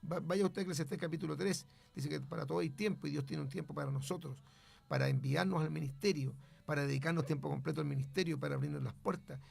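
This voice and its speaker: A man's voice: a little high, gravelly, darkish tone, husky. A man, a pastor and radio host, telling a testimony in an emphatic, preacherly way. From Chile.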